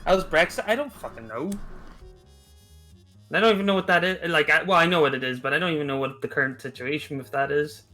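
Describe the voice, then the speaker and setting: A Northern Irish man with a bright, higher voice chats casually on a game stream. He jokes, laughs often and lets sentences trail off. Faint music plays behind him. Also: fast. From Northern Ireland. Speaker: stream co-host.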